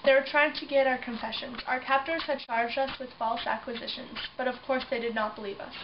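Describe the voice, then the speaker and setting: A woman playing a young survivor of a prison camp, speaking in a solemn, measured way in a mock news interview. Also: high voice, fairly even intonation. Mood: grave. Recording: dull distant recording with noise.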